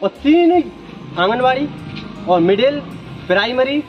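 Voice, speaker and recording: Indignant high-voiced village man. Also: lively intonation, unhurried. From Datia district, Madhya Pradesh, India. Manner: earnest, indignant, talks in short bursts. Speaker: village resident making a complaint. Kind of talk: on-the-spot interview. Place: outdoors at a village school. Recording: dull lo-fi sound with music behind.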